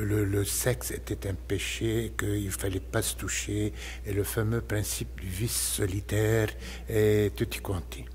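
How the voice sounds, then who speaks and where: A man, giving a slow, measured and reflective personal testimony as a parishioner. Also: on the low side, a little mellow, slight background noise. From Lebanon.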